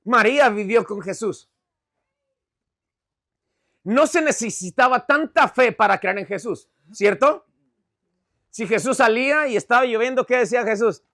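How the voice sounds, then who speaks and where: Brief: male pastor, high pitch, forceful and animated sermon delivery. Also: unhurried, long pauses. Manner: animated, conversational preaching with frequent check-ins.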